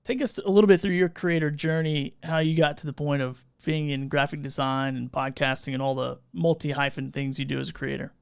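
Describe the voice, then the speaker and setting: A man's voice: a little high, steady tone, fairly quick, vocal fry, few pauses, smooth, no room sound, clean studio sound. A man hosting a podcast interview, talking in an easygoing, affirming way. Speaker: podcast host. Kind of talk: casual interview chat.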